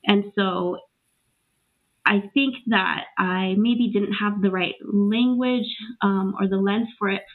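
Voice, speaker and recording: A young adult woman from Peru, raised in Los Angeles, speaking reflectively as a podcast guest with many pauses and restarts. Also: medium pitch, fairly even intonation. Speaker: guest, racial equity educator. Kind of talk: casual interview talk. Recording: tinny phone-like line.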